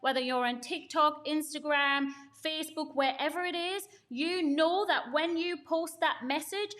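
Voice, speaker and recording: Woman co-host, high voice, emphatic casual explainer on marketing. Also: fairly even intonation, moderate pace, fairly bright tone. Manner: emphatic, talks in long runs with examples. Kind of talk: casual podcast chat on marketing.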